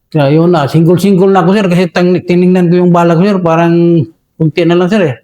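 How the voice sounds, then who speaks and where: Filipino man, soldier recounting combat, high mellow voice, respectful, sir after every phrase. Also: fairly even intonation, a little fast. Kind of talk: interview storytelling.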